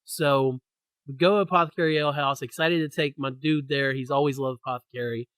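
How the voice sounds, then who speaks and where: A young man hosting a podcast, telling a story in a lively, ranting way. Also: mid-range voice, fairly quick, no room sound. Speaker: podcast host. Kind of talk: casual chat.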